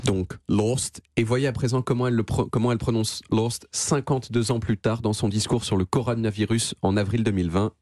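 A man delivers a playful radio chronicle, explaining things in a chatty way and restarting his words now and then. His voice has a husky edge. It sounds dry and close on a studio microphone. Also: on the low side, fairly even intonation, fairly quick, few pauses, darkish tone, no room sound. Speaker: radio columnist.

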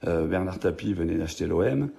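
Man, Marseille accent, very low dark voice, gravelly, hesitant with restarts. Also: expressive, fairly quick. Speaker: journalist guest. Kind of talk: radio interview answers.

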